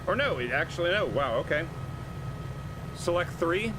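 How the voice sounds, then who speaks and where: Guy streaming a flight sim, kinda high voice, chatting casually, engine noise behind him. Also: expressive, normal speed. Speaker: game streamer, sim pilot. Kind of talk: casual livestream chat while flying. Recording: loud aircraft noise behind voice. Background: helicopter simulator engine noise.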